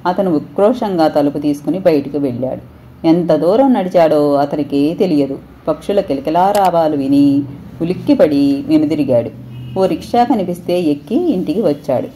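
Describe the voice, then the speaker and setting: A woman storyteller narrating an audio story in a steady, expressive reading. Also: sits low, moderate pace, a little hiss or hum.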